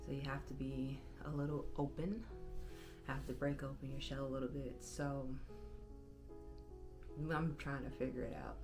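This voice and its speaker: Woman, 30s, low voice, halting personal vlog, clear music underneath. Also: fairly even intonation. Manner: reflective, halting, self-correcting. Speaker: channel host. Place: bedroom.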